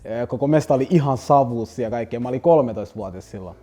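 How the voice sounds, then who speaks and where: Young male rapper, rambling anecdotes, dark mellow voice, faint music bed. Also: medium pitch. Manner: loose, rambling slang-heavy telling with restarts. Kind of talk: casual storytelling interview.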